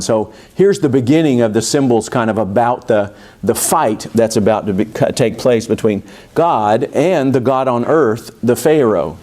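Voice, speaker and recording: A man, a pastor, leads an informal Bible study. He is conversational and halting, with frequent restarts. He keeps putting questions to his listeners. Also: mid-range voice, a little mellow.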